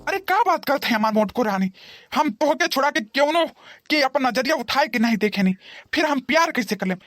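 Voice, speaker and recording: A woman's voice: high-pitched, animated, fairly quick, a bit bright. A woman voicing an aging cartoon husband who coaxes his wife and stammers through excuses, with a Bhojpuri accent. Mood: pleading. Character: aging husband, pleading and wheedling. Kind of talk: cartoon voice acting.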